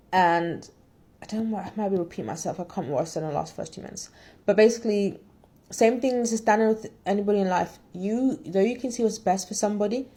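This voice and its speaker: A woman's voice: mid-range voice, dark tone. A woman in casual chat, reviewing a drama in a candid, opinionated and rambling way.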